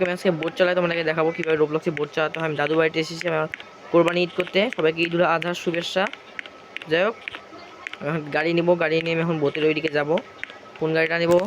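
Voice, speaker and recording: Gaming YouTuber, male, Bangladeshi Bengali accent, hoarse, rambling and quick, slightly high voice, noisy traffic behind. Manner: rambling, chatty, keeps circling back with the same filler. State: hoarse from a cough. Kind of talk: casual gameplay commentary.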